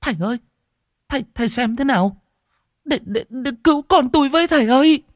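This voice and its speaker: A man voicing a distraught middle-aged village mother who pleads in a high, wailing voice. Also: animated, fairly quick, no room sound, clean studio sound. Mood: desperate.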